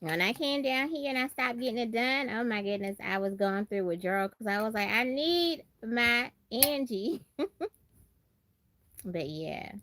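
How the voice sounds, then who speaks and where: Her voice runs on the high side, a bit bright and unhurried. She's a woman from Brooklyn, New York, hosting a livestream with casual, expressive chatter, repeating phrases for emphasis in an American accent tinged with country Southern.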